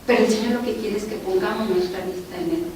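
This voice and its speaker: A woman's voice: mid-range voice, lively intonation, quick pace, a little mellow. Earnest Mexican woman, echoey church hall. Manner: earnest, emotional, often addressing the brothers and sisters. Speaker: doctor giving a church testimony. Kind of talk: testimony addressed to a congregation. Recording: echoey hall from far off, faint noise.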